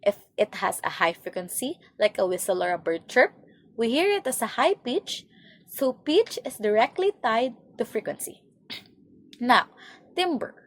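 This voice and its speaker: Young-sounding woman presenter, animated reading, slightly high voice. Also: unhurried. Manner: reads points then explains them, occasional slips. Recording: faint background noise.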